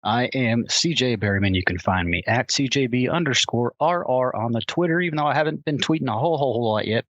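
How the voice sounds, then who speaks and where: A man with a Texan accent co-hosting a sports podcast, his voice still raspy from illness, talking casually with frequent repeated words. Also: mid-range voice, fast, fairly bright tone, dry recording, highs cut off. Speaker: podcast co-host. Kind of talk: casual chat.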